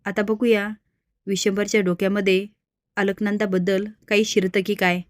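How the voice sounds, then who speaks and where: A woman narrating a drama recap in an even, steady retelling. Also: mid-range voice, normal speed, no echo, studio quality. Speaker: storyteller recapping a serial. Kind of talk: scripted story narration.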